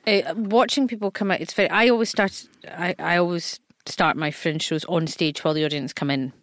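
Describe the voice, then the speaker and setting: A woman's voice: on the low side, fairly quick, a bit bright, no echo, studio quality. A woman comedian, telling self-deprecating stories in a casual podcast chat. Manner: chatty, self-deprecating, storytelling.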